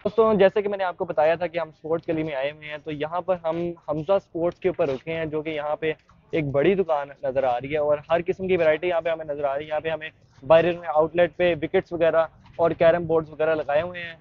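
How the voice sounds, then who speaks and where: This young adult man, a vlogger with a Pakistani Urdu accent, talks fast in a voice on the high side with fairly even intonation. He chattily guides viewers on a walking tour of a sports market and shop, full of fillers and restarts. The recording sounds muffled.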